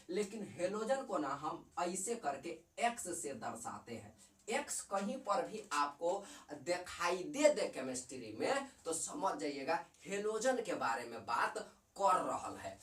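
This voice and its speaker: A man with a Bihari accent teaches chemistry in a casual classroom manner, often repeating himself and throwing questions at the viewer. His pitch rises and falls a lot as he talks. He sounds set back from the mic in an echoing room. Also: recorded from a distance. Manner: chatty, repeats and quizzes the viewer, mixes in dialect.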